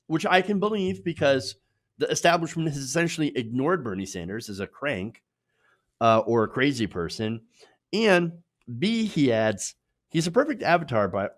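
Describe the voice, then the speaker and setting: American man, emphatic commentary with swooping pitch. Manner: emphatic, repeats points in short punchy phrases, tags with "right?". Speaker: host of an online political commentary show. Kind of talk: opinionated political commentary.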